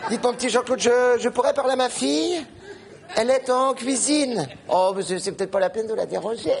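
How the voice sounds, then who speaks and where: A man playing a spiteful older mother-in-law in a comedy sketch phone call, shrill and cackling as she gushes and curses. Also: brisk, creaky, crowd noise. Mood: mocking. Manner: shrill, cackling, gushing then cursing on the phone. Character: spiteful old woman, scheming mother-in-law. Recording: live stage recording with loud audience. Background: audience laughter.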